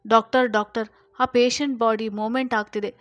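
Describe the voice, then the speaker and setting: A woman's voice: a little high, fairly even intonation, dry recording, close to an everyday voice. A woman voicing a dutiful young nurse hurrying to report to the doctor in a storybook reading. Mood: urgent. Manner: hurried reporting.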